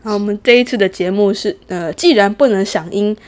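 A woman's voice: mid-range voice, fairly quick. A woman from Taiwan co-hosting a casual podcast in Taiwanese-accented Mandarin, chatty and full of interjections. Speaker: podcast co-host.

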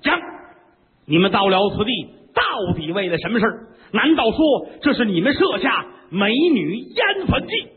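A man's voice: high voice, sing-song, moderate pace, slightly rough, voice pushed up, heavily acted. A man voicing an ugly but clever, fierce queen who scolds imperiously. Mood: suspicious. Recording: tinny lo-fi recording with long reverb.

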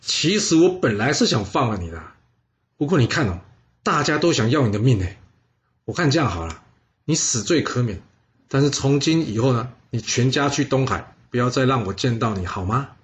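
A man's voice: medium pitch, expressive, moderate pace, lo-fi sound, natural voice. Guy playing a smug old-time king, laid back and full of himself. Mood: calculating. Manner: offhand, self-satisfied. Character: smug, calculating ancient king, male adult.

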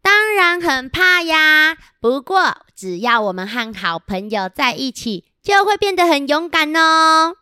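A woman's voice: sits high, very animated, measured pace, few pauses, bright, forceful tone, no room sound, clean studio sound, pitched above the performer's own voice, full character voice. A woman voicing a little mouse and chick, brave friends together, bouncy and cute as if reading to a toddler. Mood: cheerfully brave.

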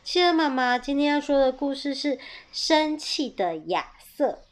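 A woman reads a picture book aloud to young listeners with playful, animated delivery. Her voice sits a little high, and she rises into loud bursts whenever a character shouts. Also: unhurried. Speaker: storyteller reading a picture book to children.

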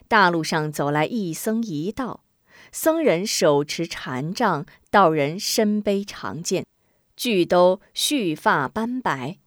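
A woman narrates a martial-arts tale in an expressive, unhurried way. Her voice rises and falls with a very lively lilt. The sound is dry and close to the mic. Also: fairly low pitch, no room sound. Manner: expressive, acts out characters. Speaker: storyteller.

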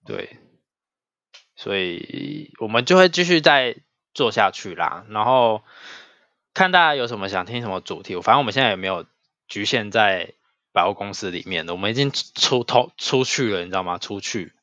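A man co-hosts a relaxed podcast, spinning anecdotes and breaking into laughter. His voice sits low yet sounds bright and pushed forward. It is recorded close and dry on a slightly dull mic. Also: moderate pace, no echo. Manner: chatty storyteller, laughs often. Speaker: podcast co-host. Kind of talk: casual chat.

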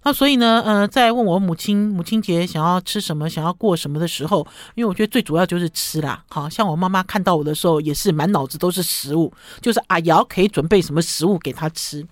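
A woman's voice: lowish voice, fast, few pauses, no room sound, clean studio sound. A woman hosting a radio food show, talking casually and tagging her phrases with a short "ha". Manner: chatty, ends phrases with a short "ha".

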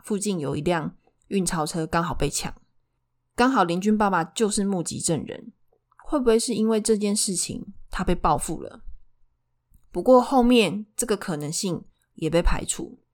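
A woman with a Taiwanese Mandarin accent telling true crime in a conversational way as a narrator, putting questions to her listeners. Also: lowish voice. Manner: poses rhetorical questions to listeners.

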